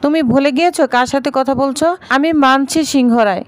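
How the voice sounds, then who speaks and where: A woman voicing a proud, sharp-tongued young woman from a wealthy family who taunts others. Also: high-pitched, fairly quick, no room sound, natural voice. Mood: taunting.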